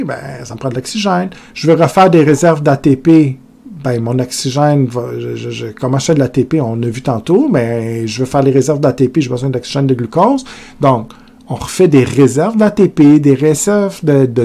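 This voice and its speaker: A man's voice: mid-range voice, moderate pace, gravelly, warm tone. A male teacher with a Québécois accent explaining a lesson in a conversational way, speaking to students directly and asking questions aloud. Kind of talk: recorded lecture video.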